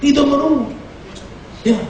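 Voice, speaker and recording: A male pastor giving a lively, joking sermon full of rhetorical questions. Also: extremely high pitch, unhurried, heavy reverb, distant mic, a little hiss or hum. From Indonesia.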